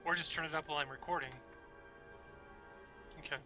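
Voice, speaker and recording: This young man's voice is a little high, fairly even, quick, and pushed bright as he livestreams gameplay from his home room. Talking into a desk mic, he rambles casually to chat about his play. The audio is dull, with soft music in the background.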